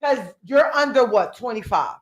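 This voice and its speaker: A woman in her forties hosting a podcast, chatting casually and laughing in slangy, animated talk. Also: fairly high pitch, normal speed, rough recording. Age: 40s. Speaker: podcast host. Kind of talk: casual interview chat.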